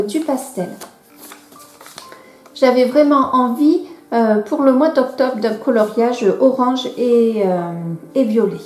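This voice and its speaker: A woman's voice: fairly high pitch, dark tone. A woman chatting casually on a home vlog, hesitant and full of fillers, often correcting herself while showing her coloring books to a camera. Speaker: coloring vlogger. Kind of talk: casual show-and-tell vlog. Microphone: camera microphone she moves around. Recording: echoey room with faint background music.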